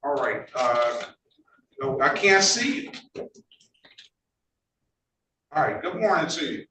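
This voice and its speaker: A man presiding as judge over traffic court, talking haltingly with repeated words and folksy asides, heard on a courtroom recording. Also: a little high, very animated, pushed and bright. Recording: echoey room, distant mic, noisy.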